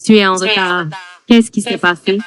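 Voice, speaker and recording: A computer-generated woman's voice with a Canadian French accent, speaking in even, clipped synthetic phrases. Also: medium pitch, normal speed, close to an everyday voice. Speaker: text-to-speech demo voice.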